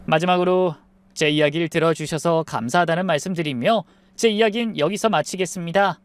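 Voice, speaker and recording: A woman in her forties calmly narrating a scripted first-person life story. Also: lowish voice, brisk, smooth.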